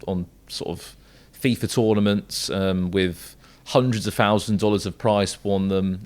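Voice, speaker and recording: A young adult man from England's south coast, with a southern English accent and a low-pitched voice, is an esports commentator appearing as a podcast guest. He talks in a casual way.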